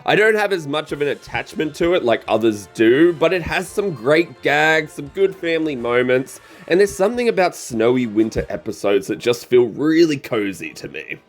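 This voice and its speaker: A man's voice: fairly high pitch, very animated, moderate pace, few pauses, soft background music. A man hosting a review show, reading scripted narration and opinions. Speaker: host of episode review show.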